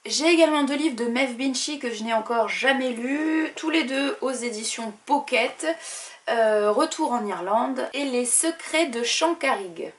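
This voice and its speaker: A young woman talks through her book collection for a casual vlog. Her voice sits a little high for a woman. She reels off titles and publishers with small asides and the odd hesitation. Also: unhurried, a bit bright. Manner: listing titles and publishers with asides, some fillers. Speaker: book vlogger. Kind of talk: casual book haul presentation.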